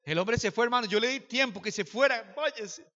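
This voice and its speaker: A man preaching a sermon as pastor, telling a personal story and swinging from hushed to loud. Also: extremely high pitch, a little fast, lo-fi sound.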